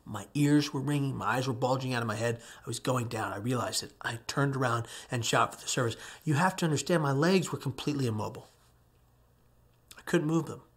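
A husky-voiced man gives a personal testimony talk. His pitch sits in the middle for a man. He tells his story earnestly, dropping to near whispers and then rising with strong emphasis. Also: fairly quick. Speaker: speaker telling his survival story.

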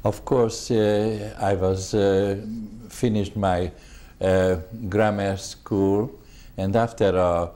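A man in his seventies from Hungary, speaking English with a Hungarian accent in an oral history interview, halting and polite as he searches for words. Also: low-pitched, dark tone. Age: 70s. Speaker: veteran interviewee.

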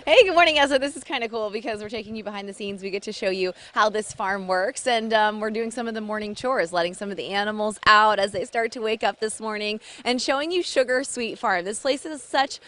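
A woman in her thirties reporting live for morning news from a farm with a handheld mic, bubbly and quick to laugh. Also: mid-range voice. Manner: bubbly, laughs often, excited exclamations. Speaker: field reporter. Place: outdoors on a small farm.

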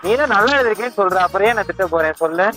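A man speaks softly and patiently, as a father soothing his little girl. He coaxes her and keeps checking that she agrees. Music plays clearly behind him. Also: sits high, racing, low-quality recording. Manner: gentle, coaxing, keeps asking for agreement. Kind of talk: phone call comforting a young daughter.

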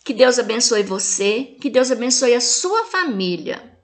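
A woman teacher with a Brazilian Portuguese accent, giving a recorded video lesson to young pupils. She walks through the homework step by step and talks to the children warmly and affectionately. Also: a little high, big pitch swings, a little slow. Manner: clear step-by-step instructions. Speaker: primary school teacher.

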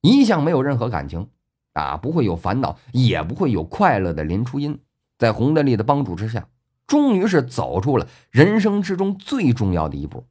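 A man narrating a web novel audiobook in a colloquial storyteller style, full of drawn-out filler particles. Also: medium pitch, wildly swooping pitch, darkish tone, breathy edge.

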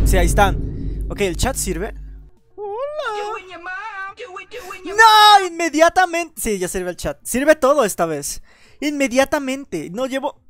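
A man with a Mexican accent chatting excitedly on a gaming livestream while he has a cold, often stammering over repeated words. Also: high voice, no echo. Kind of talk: casual gaming livestream chat.

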